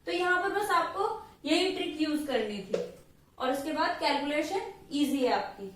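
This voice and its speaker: A woman's voice: sits high, animated, fairly bright tone, slight background noise. A woman with an Indian accent, a physics teacher who explains a worked example step by step in a patient way and keeps checking in with her students. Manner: patient, checks in with "theek hai" after each step, writes out formulas slowly. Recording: echoey room, voice far from the mic.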